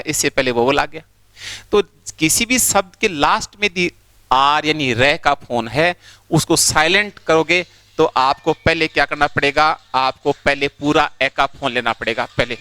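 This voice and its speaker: Bright, crisp-voiced male teacher. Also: on the high side, dry recording. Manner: repetitive, explains step by step, keeps urging attention. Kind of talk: online phonetics lesson.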